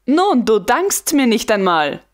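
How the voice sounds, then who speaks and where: A woman reading the lines of a smug, carefree young male guard lieutenant in an audiobook, calm and teasing. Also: extremely high pitch, slow pace, heavily acted. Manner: calm, self-satisfied, teasing. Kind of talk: audiobook dialogue.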